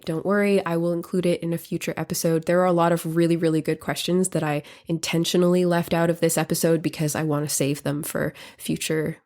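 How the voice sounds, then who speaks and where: A woman with a slightly low voice, sick and a bit worn, hosts her solo podcast. She talks in an earnest, reflective way, loose and off the cuff, with the odd filler. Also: a little mellow. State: sick, voice affected by illness. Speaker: podcast host and composer. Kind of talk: casual solo podcast talk.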